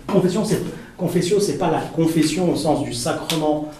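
A man giving a spoken teaching on prayer to a group, halting with many fillers and repeated words, asking the audience questions. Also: on the high side, expressive, darkish tone. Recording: echoey room, voice from a distance.

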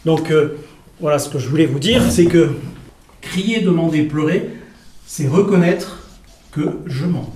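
A man giving a spoken teaching on prayer to a group, halting with many fillers and repeated words, asking the audience questions. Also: a little high, warm tone, a little hiss or hum. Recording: echoey room, voice from a distance.

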